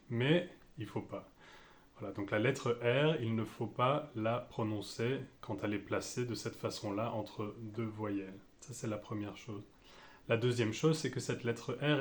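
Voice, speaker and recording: A man with a French accent teaching English pronunciation, speaking slowly and deliberately and repeating each example. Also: on the low side. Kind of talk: pronunciation lesson.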